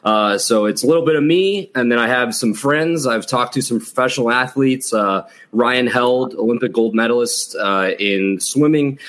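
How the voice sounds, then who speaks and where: A man's voice: medium pitch, moderate pace, hardly any pauses, a bit bright. A man from the Chicago area chatting casually about sports as a podcaster guest. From Chicago area, United States.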